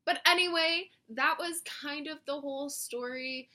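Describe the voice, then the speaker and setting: A young woman with a high, bright voice tells a casual storytime vlog. She rambles along, dropping "like" everywhere and laughing at herself as she goes. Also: a little slow. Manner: chatty, rambling, lots of "like" and self-mocking laughs. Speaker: vlogger.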